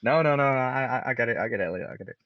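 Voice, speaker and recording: A man's voice: mid-range voice, lively intonation, very fast, dry recording. A man co-hosting a podcast over a headset, his voice muffled and distant as if heard through a wall, often stammering and joking at his own expense. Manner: stammering, self-deprecating. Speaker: podcast co-host. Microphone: headset on a call. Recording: dull, muffled headset audio.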